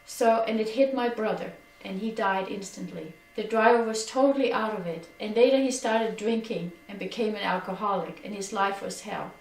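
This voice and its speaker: A middle-aged Danish woman giving an earnest personal testimony, her voice sinking quieter on sad memories. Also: medium pitch, normal speed, hardly any pauses. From Denmark. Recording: echoey room, distant from mic.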